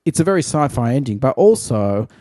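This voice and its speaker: Joking man, lively voice. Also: medium pitch, a little fast, no echo, studio quality. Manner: joking, swears freely. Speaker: podcast co-host. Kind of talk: casual chat.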